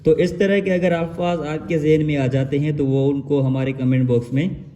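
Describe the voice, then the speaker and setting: Mellow-voiced man teaching pronunciation. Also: a little high, little pitch movement, a little hiss or hum. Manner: repetitive, spells words out letter by letter slowly. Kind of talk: explanatory lesson.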